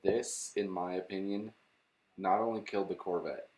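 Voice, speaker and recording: A man's voice: sits low, steady tone, normal speed, darkish tone. A young man co-hosting a podcast, chatting casually and reading out facts with lots of fillers and the odd swear. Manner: laid-back, reads car facts with fillers and swearing. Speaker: podcast co-host. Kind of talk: casual chat.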